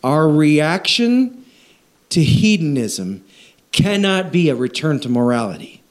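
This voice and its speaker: A man preaching a conversational sermon, animated, with frequent restarts and repeated words. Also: fairly high pitch, takes it slowly. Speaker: pastor.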